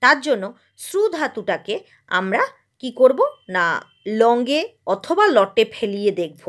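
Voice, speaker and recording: A woman's voice: a little high, expressive, unhurried, a bit bright. A woman from West Bengal teaching a Sanskrit grammar lesson, asking her own questions and drilling verb forms.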